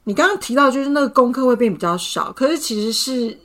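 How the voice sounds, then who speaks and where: A woman's voice: sits high, animated, fast, fairly bright tone. A woman in casual podcast chat, telling a personal story and acting out what was said. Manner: storytelling, acts out quarrels.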